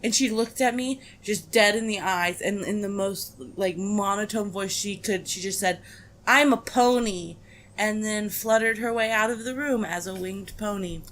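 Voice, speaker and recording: A woman's voice: mid-range voice, moderate pace, hardly any pauses, a bit bright. A woman co-hosting a podcast in casual chat, telling anecdotes and teasing her co-host with dry humor.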